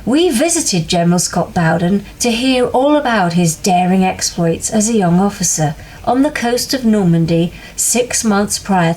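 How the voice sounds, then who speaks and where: A woman's voice: lowish voice, a little mellow, slight background noise, rough recording. A woman interviewing a retired general for a documentary, polite and formal.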